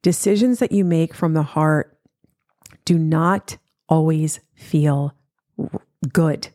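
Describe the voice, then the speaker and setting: A woman's voice: sits low, takes it slowly, mellow, no room sound, studio quality. A woman in her forties hosting a motivational podcast, talking earnestly and repeating her key points for emphasis. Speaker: podcast host.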